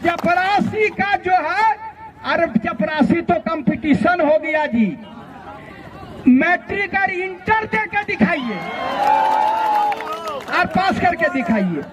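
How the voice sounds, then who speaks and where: His pitch is extremely high, and he's expressive, slow, and pauses often: a Jharkhand-accented student leader speaking directly to students in an impassioned, colloquial political address. A loud crowd roars behind him at the noisy outdoor rally.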